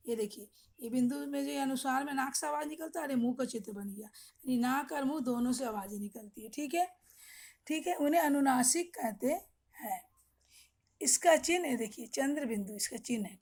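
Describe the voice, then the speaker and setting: A middle-aged woman teacher giving an online class, explaining patiently, repeating questions and checking with the children. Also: sits high. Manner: explains slowly, repeats questions, frequent "ठीक है".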